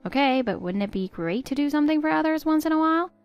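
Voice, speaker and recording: A woman voicing a patient, hurt middle-aged stepmother who pleads gently with her stepdaughter. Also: high voice, lively intonation, fast talker, soft background music. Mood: pleading. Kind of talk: text-story voice acting.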